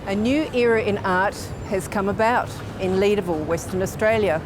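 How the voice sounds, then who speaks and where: A woman's voice: mid-range voice, normal speed, noisy background. A woman presenter reading a scripted news introduction in an announcing manner.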